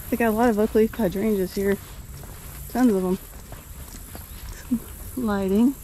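A woman's voice: mid-range voice, warm tone, a little hiss or hum, poor audio. A woman chatting casually into a handheld camera, pointing out sights as she walks an outdoor wooded trail. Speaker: vlogger. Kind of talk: casual walking commentary.

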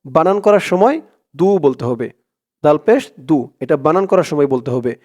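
A man teaching Quran recitation, spelling words letter by letter and chanting the verses slowly and drawn out. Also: on the high side, expressive, mellow, muffled recording. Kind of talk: slow spelled-out recitation lesson.

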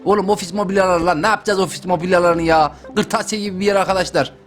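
This gaming YouTuber is a young man with a high voice who talks very fast over faint background music. His let's-play commentary is joking and excitable, aimed directly at viewers.

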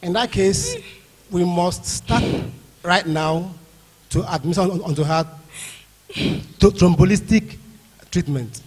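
An actor playing a formal, apologetic doctor who stammers over explanations in a stage drama. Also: male voice, high-pitched, takes it slowly, pauses often, darkish tone, husky, heavily acted. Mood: explaining. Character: formal doctor demanding a deposit. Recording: stage hall reverb.

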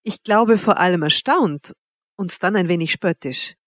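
A woman narrating a literary audiobook in a measured, expressive storytelling manner. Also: on the low side, no echo.

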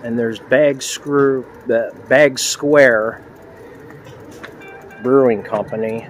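A man's voice: mid-range voice, steady tone, extremely slow, faint music behind. A man in his thirties casually narrating a walking tour outdoors at a train station, filming with a handheld phone and chatting as he points things out. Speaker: vlogger.

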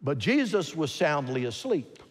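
An older man, a pastor, preaching a sermon from a pulpit in a large church, expressive and emphatic. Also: fairly high pitch, unhurried. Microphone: pulpit microphone. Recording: long church hall reverb.

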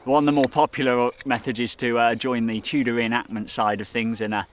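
A young man, an assistant farm manager, answering interview questions outdoors in a steady, measured way. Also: mid-range voice. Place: outdoor pasture.

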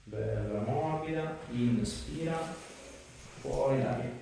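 A chiropractor in his thirties gives a patient brief, reassuring instructions during treatment in a small indoor treatment room. His mid-range voice is slow and creaky, and the recording sounds very roomy, with a distant mic and faint noise.

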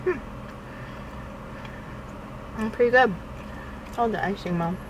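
A woman's voice: fairly high pitch, slow, muffled recording, noisy background. A woman vlogger giving casual, upbeat tasting comments with her mouth full while chewing. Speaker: vlogger host. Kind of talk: casual food-tasting vlog.

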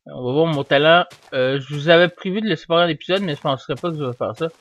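A young man talks his way through a game in a loose, rambling stream. He easily bursts into yelling at what happens on screen. His slightly high voice comes through a dull, dry home microphone. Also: quick pace, dry recording. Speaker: gamer. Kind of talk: casual gameplay commentary. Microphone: desk microphone.

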